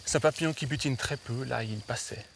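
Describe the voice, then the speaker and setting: A man's voice: medium pitch, fairly quick, vocal fry. A man giving casual, conversational explanations as an expert in an outdoor interview, often repeating words as he goes. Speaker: butterfly expert guest. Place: outdoors in a meadow. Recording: faint outdoor noise, chirping insects. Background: faint insects and ambience.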